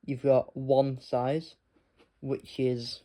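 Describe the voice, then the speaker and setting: A man giving a casual explanatory review, speaking haltingly as he spells out details piece by piece. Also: mid-range voice, monotone, warm tone. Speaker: product reviewer.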